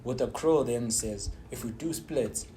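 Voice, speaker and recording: A man's voice: mid-range voice, a little slow, mellow. A man co-hosting a podcast chat, explaining at length with a teasing edge. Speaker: co-host. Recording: noisy studio sound.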